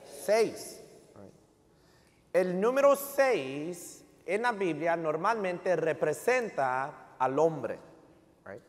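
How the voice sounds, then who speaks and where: A man's voice: on the high side, very slow. A middle-aged man preaching a sermon as pastor, with a Mexican American accent, joking and peppering his Spanish with English tags. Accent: Mexican American Spanish with English code-switching. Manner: lively, joking, switches often into English tags like "right?". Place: church sanctuary. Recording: long reverb of a church hall.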